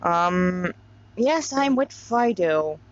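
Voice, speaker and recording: She's from Montreal, Canada, and her storytelling is informal and meandering, often interrupted by casual side comments. The voice is lowish and animated but very slow, heard through a dull, lo-fi recording.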